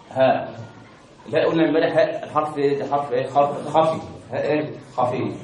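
An Egyptian man teaching Quran recitation in a quick, slightly high voice. He keeps asking questions and drills pronunciation call-and-response style. He sounds distant, as if recorded from far off in an echoey room. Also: a little mellow, slight background noise. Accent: Egyptian Arabic.

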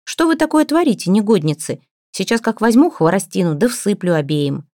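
A stern young healer woman, as a female reader puts her on. She hands out orders in a firm, level tone. The voice is a touch low and sounds close and dry. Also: moderate pace, a little mellow, dry recording, lightly acted.

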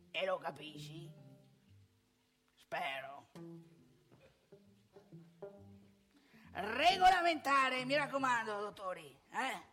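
Here the woman's voice is high, bright and forceful, and her acting is heavy as she plays an ill-tempered, opinionated elderly married man. With a northeastern Italian accent, she mocks and scolds, firing off rhetorical questions in a theatrical comic monologue.

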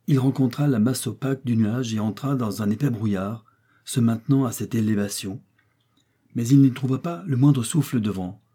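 Husky dark-voiced male narrator. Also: mid-range voice. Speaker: audiobook narrator. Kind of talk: scripted narration.

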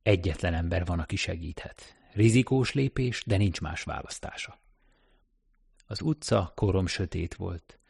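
A man narrating an audiobook, reading in an even, steady manner. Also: sits low, gravelly, husky, dry recording, studio quality. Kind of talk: scripted narration.

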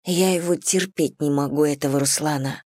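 Narrator doing a tense young woman, higher voice, pushy and impatient, dry sound. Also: moderate pace, dark tone, dry recording. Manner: higher, agitated, insistent delivery.

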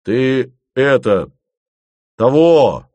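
A man voicing a blunt, quick-tempered young man, in a dry recording. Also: lowish voice, darkish tone, dry recording, dull audio. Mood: irritated. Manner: blunt, brusque.

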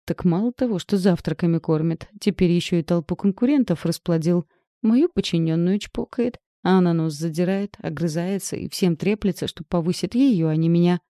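A woman's voice: lowish voice, normal speed, warm tone, no echo, clean studio sound, lightly acted. A woman doing a whiny, frazzled office worker. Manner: whiny, complaining.

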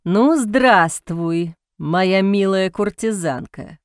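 A woman voicing a cold, cynical male aristocrat who speaks in a hoarse, mocking drawl in an audiobook. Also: mid-range voice, animated, normal speed, dry recording, clean studio sound, lightly acted.

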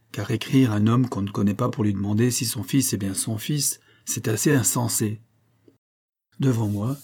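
A man reading a novel aloud in a calm, measured literary narration. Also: lowish voice, slightly rough. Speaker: audiobook reader.

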